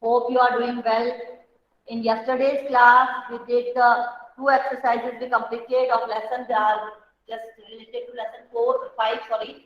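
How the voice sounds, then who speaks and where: A woman's voice: a little high, level tone, drawn-out words, muffled recording. An Indian woman teacher giving an online class, explaining patiently and switching between Hindi and English.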